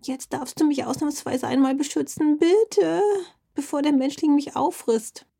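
A woman voicing a small, timid female blue fox in a children's audio story, speaking softly and anxiously. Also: mid-range voice, animated, a little slow, slightly rough. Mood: panicked. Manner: soft, hushed and anxious.

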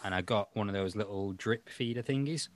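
A man with a deep voice hosts a relaxed podcast chat. He rambles and pokes fun at himself, with plenty of "like" and "um". The sound is close and dry, with no room in it. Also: a little fast, no room sound. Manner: rambling, self-mocking, many fillers. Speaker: podcast host. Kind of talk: casual chat.

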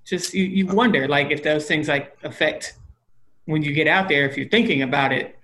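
A man's voice: on the high side, normal speed, a bit bright, a little hiss or hum. A man co-hosting a casual sports podcast, musing aloud with hesitant, wondering questions and frequent fillers. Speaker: podcast co-host.

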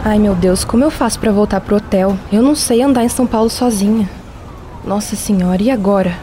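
A woman's voice: medium pitch, brisk, background noise, lightly acted. A Brazilian actress playing a tender, earnest mother and music teacher in a radio soap opera. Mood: distressed.

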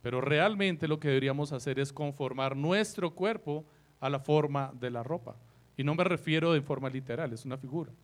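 A man preaching a sermon who asks his listeners rhetorical questions, slows down to repeat key lines for emphasis, and swings between soft remarks and loud, emphatic phrases. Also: fairly high pitch.

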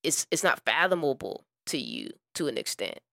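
Reflective low-voiced woman co-hosting a podcast. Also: huge pitch swings, normal speed, creaky, pushed and bright, no room sound, clean studio sound. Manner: reflective, thinks aloud with many fillers. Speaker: podcast co-host. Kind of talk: casual podcast chat.

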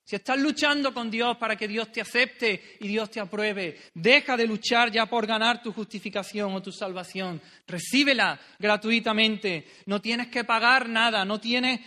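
A man's voice: sits high, normal speed, hardly any pauses, bright, forceful tone. A man preaching an earnest, pleading sermon, repeating phrases for emphasis.

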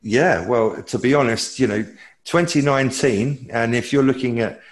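A man's voice: mid-range voice, normal speed. A man, a technology expert guest, answering viewer questions in a rambling, self-correcting, opinionated way.

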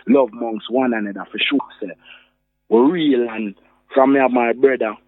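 A man's voice: medium pitch, steady tone, moderate pace, no room sound. Earnest Jamaican Rasta man, phone-like sound. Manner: earnest, preaching unity, repeats phrases for emphasis. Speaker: musician, interview guest. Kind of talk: conversational radio interview in Jamaican Rastafarian speech. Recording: narrow phone-like line, dry.

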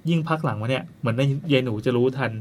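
Fast-talking male storyteller. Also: medium pitch, darkish tone, slight background noise. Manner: chatty, with playful asides to a co-host. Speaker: storyteller host. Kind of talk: casual ghost story narration.

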